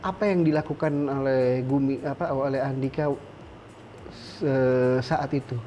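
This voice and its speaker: A man's voice: medium pitch, steady tone, measured pace, mellow, a little hiss or hum. A man interviewing a guest, asking probing follow-ups with brief affirmations in between. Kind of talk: interview questions.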